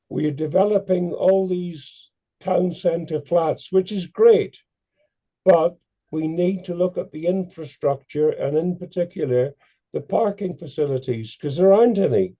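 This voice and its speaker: A hoarse man speaking earnestly and emphatically as a town councillor in a committee meeting. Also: a little high, a little slow, warm tone, dull audio.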